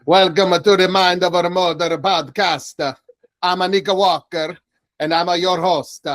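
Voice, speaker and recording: A man hosting a casual car podcast, excitable and animated, often restarting his sentences. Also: high voice, unhurried, dry recording. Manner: excitable, laughing, trailing restarts. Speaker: podcast host.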